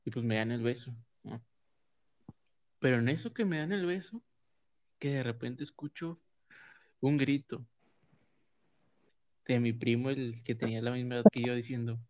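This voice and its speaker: A Mexican man telling a story in casual chat, rambling with plenty of self-mockery. His voice sits at a middle pitch. The recording sounds dull and lo-fi. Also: moderate pace, long pauses, darkish tone, no room sound. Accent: Mexican Spanish.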